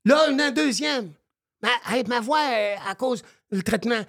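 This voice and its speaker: A man imitating a small sick boy who speaks in a halting, soft little voice. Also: very high-pitched, gravelly, voice pushed up, full character voice. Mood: earnest.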